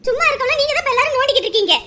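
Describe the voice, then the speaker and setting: An actress playing a resentful young daughter-in-law who pleads defensively and complains quickly. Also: female voice, very high voice, lively intonation, sharp tone, exaggerated voice. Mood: defensive pleading. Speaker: daughter-in-law in a family drama.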